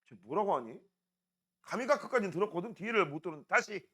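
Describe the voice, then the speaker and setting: A man's voice: high voice, lively intonation, fast talker, fairly bright tone, husky. A middle-aged male science teacher, lecturing a class, teasing and scolding students while drilling mnemonics.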